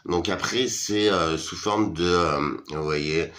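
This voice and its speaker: Tired man vlogger with a low voice, informal and hesitant, lots of fillers. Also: takes it slowly, fairly bright tone. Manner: hesitant, many fillers, slangy and familiar. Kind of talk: casual chat to followers.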